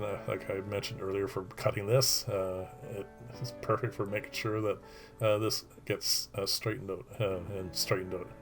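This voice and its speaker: Low-pitched, monotone man droning along. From Canada. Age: middle-aged. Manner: rambling, hesitant. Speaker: woodworking video presenter. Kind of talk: casual workshop voice-over.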